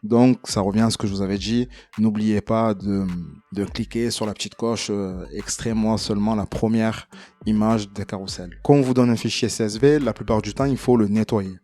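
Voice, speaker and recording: A tutorial creator with a lowish voice talks at a normal pace as he guides viewers through a casual screen recording. He's chatty and relaxed, uses plenty of fillers, and makes a few self-deprecating jokes.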